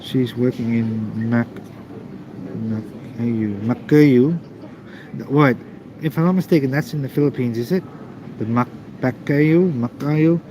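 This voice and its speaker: A man casually chatting to live stream viewers in a halting, repetitive way. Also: mid-range voice. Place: busy airport waiting area. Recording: noisy airport background ambience.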